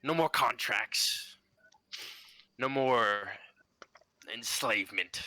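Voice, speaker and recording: A man's voice: medium pitch, extremely slow, sharp tone, dry recording, full character voice. A man doing a sly, sinister smoke demon. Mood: sly menace. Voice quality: sweet, sinister, grinning. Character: sinister smoky demon father, mocking and sly.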